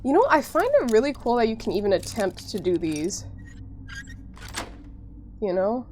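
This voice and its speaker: Background noise surrounds a woman casually chatting to her stream viewers as she plays a game, her voice congested from a cold and full of "like." She has a mid-range, sing-song voice at a moderate pace.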